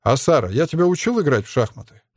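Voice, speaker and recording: A man's voice: on the high side, very animated, fast talker, dry recording, clean studio sound, voice pushed up. A man voicing an indignant, sarcastic young male soldier hero in an audiobook. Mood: wry. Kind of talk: audiobook character reading.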